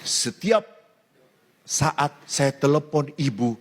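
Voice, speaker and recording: Priest guy telling funny stories in a sermon, slow and swingy voice, echoey hall. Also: a little high. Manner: animated, laughing while telling jokes. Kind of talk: humorous sermon storytelling. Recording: reverberant hall, faint ambience.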